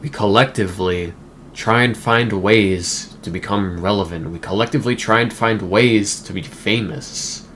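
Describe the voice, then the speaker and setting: A man's voice: on the low side, moderate pace, fairly bright tone. A man giving a casual, emphatic movie review with conversational side remarks. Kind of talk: casual video essay. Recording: faint background noise.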